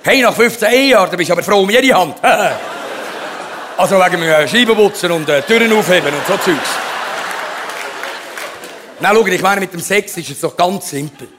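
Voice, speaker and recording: A high-pitched man with a Swiss German accent, telling a stand-up comedy story. He refers to himself in the third person. The live recording carries a lot of background noise. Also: brisk, long pauses, crowd noise.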